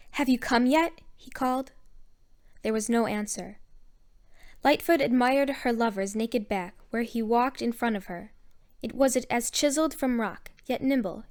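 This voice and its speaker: A woman narrating a story in a measured storytelling manner. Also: a little high, darkish tone. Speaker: audiobook narrator.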